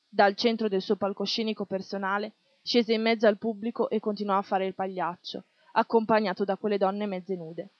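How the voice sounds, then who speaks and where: A woman's voice: mid-range voice, dry recording. Woman reading a story, dull dry sound. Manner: steady measured reading, voicing shouts in quotes. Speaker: reader. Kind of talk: reading a literary short story aloud.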